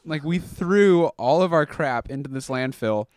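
A man co-hosting a casual comedy podcast, joking around and laughing often, sometimes reading aloud slowly with heavy pauses. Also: on the high side, lively intonation, a little mellow, no echo, clean studio sound. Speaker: podcast co-host.

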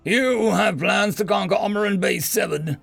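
A man's voice: high-pitched, moderate pace, gravelly, a bit bright, soft background music, voice pushed up, exaggerated voice. A man playing an imperious tentacled alien overlord. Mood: scheming. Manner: hissing, snarling, formal and imperious. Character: monstrous tentacled alien overlord father, haughty and menacing.

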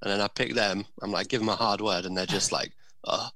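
Jokey British bloke, bright, edgy voice, crude humour. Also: male voice, lowish voice, steady tone, fast, dry recording. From Britain. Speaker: podcast co-host, teacher. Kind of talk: casual podcast chat.

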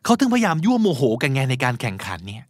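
Male podcast host teaching vocabulary, patient and lively delivery, close dry studio mic. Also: medium pitch, quick pace, no room sound. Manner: explains words patiently, spells them letter by letter.

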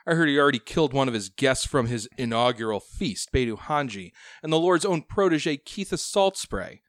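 A man's voice: mid-range voice, animated, normal speed, a bit bright, no room sound, studio quality, voice pushed up, close to an everyday voice. A man voicing an oily, accusing pirate lord with an insinuating blackmailer's purr in a tabletop game. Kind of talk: tabletop role-play.

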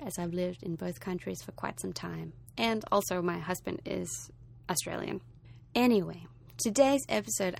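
This podcast host is a woman in her thirties from Denmark, speaking with a light Danish accent through a fairly low, creaky voice. She introduces her show and moves into relaxed interview talk, telling stories warmly and chattily with plenty of fillers.

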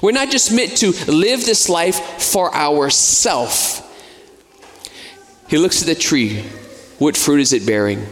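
A man's voice: a little high, animated, takes it slowly, pauses often, a bit bright. An American man preaching a sermon in a conversational way, with casual asides and fillers. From United States. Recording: long hall reverb.

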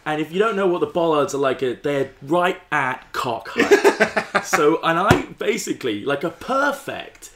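A man in casual conversation, animated as he tells stories, laughing often and swearing freely. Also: on the high side, measured pace, background noise. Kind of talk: casual chat.

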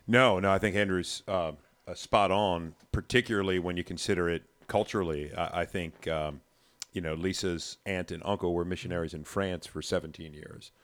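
A man's voice: low voice, fairly even intonation, normal speed, fairly bright tone. A man in a casual discussion, telling stories with dry humor. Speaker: discussion panelist.

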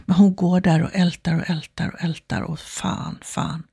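A woman's voice: fairly low pitch, little pitch movement, gravelly, dark tone, slightly rough, no echo, clean studio sound. A woman telling an illustrative story as a self-help speaker, acting out the characters' inner thoughts in quoted asides. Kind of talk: storytelling example talk.

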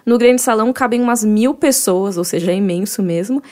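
Mulher com sotaque brasileiro, coapresentadora de um podcast, explicando com entusiasmo e cheia de "né" e "tipo". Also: female voice, medium pitch, fairly quick, dark tone. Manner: enthusiastic, explains at length with many "né" and "tipo". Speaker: podcast co-host. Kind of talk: casual chat about a book.

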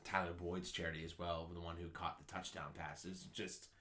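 A man's voice: low-pitched, moderate pace. A man, co-hosting a casual sports podcast, telling a story eagerly with lots of restarts. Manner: excitable storyteller, rambling with restarts. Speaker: podcast co-host.

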